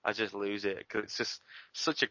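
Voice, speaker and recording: A bright, forward man chats about writing his abridged series, quick and self-deprecating. The audio is dull and lo-fi, and dry with no room around it. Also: on the low side, fairly even intonation, no room sound. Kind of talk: casual interview chat.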